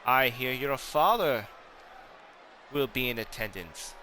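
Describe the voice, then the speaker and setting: A cocky wrestling champion, as a man puts him on, boasts in slow, commanding lines. The voice is bright and forceful. A faint hum of room ambience runs underneath. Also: mid-range voice, expressive, a faint crowd. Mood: boastful, commanding. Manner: boastful, commanding, drawn-out emphasis. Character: arrogant male wrestling champion, boastful, domineering. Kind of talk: hobby wrestling storyline role-play.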